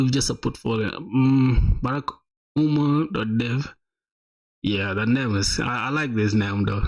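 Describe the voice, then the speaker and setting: During a live stream, a young man with a medium-pitched voice reviews viewers' websites in a casual, slangy manner, constantly saying "bro" and "my boy."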